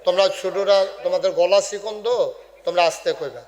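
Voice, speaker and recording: A man gives a humorous sermon, quizzing and teasing the crowd in call-and-response, shouting some words and singing others. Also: high voice, fairly quick, long reverb tail, very noisy. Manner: shouts key words, sings some phrases. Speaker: Islamic preacher. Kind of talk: humorous sermon at a religious gathering. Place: large religious gathering over loudspeakers.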